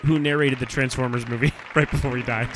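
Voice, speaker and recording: A man's voice: medium pitch, fairly even intonation, fast talker, a crowd in the background, noisy background. A man co-hosting a podcast, chatting casually and jokily with frequent laughs and fillers. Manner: jokey, laughing, rambling with fillers. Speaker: podcast co-host. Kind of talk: casual recap chat.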